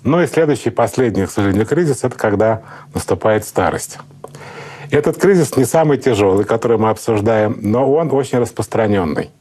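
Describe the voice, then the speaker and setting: A middle-aged man, a psychotherapist, calmly explaining in an interview in a lecturing manner. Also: on the low side, brisk, slightly rough. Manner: calm, lecturing, acts out example speakers. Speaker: psychotherapist guest.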